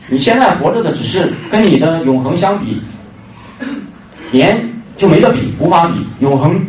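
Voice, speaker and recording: A man's voice: medium pitch, darkish tone. A man delivers an evangelistic sermon, leaning hard on his points and repeating key lines. His voice rings through a reverberant church hall, picked up from some distance away, with faint noise underneath. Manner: emphatic, repeats key phrases, fillers between points. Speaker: preacher.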